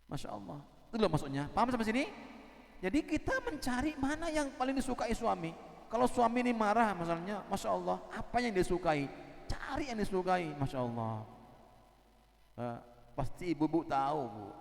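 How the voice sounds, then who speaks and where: A lively male preacher, his voice sitting a bit high. He jokes and acts out small scenes as he preaches. The sound rings with a long hall reverb. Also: vocal fry. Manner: animated, joking, acting out little scenes. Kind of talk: sermon. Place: prayer hall.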